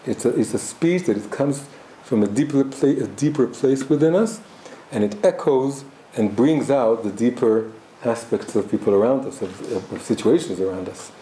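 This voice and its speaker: Echo fills the room and a faint hum lingers as a Hebrew-native man teaches a reflective class. His mid-range voice is very dark and mellow, and he speaks haltingly, with many restarts as he works through his thoughts.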